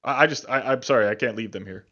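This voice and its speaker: A man's voice: mid-range voice, fast, bright, forceful tone, dull audio. A man voicing a weary, middle-aged male city guard who stammers nervously. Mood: flustered. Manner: flustered, stammering.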